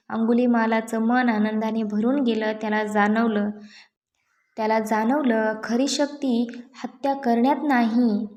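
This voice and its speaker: A woman tells a spiritual moral tale in a scripted, earnest voice. Her voice sits slightly high. She keeps a measured pace and sometimes stumbles and restarts a word. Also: dark tone. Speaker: storyteller. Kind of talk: scripted story narration.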